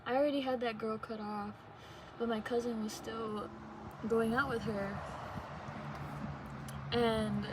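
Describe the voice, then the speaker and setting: Young woman chatting, even higher-pitched voice. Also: noisy background. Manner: hesitant, trailing sentences with long pauses. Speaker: vlogger. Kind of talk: casual confessional chat, unscripted.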